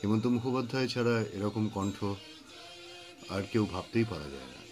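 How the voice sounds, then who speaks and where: A man reading and talking about poetry, telling the story behind the poems in an unhurried way with thoughtful pauses. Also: on the low side, lively intonation, music in the background. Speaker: poetry reader and speaker. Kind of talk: reflective spoken commentary on poetry.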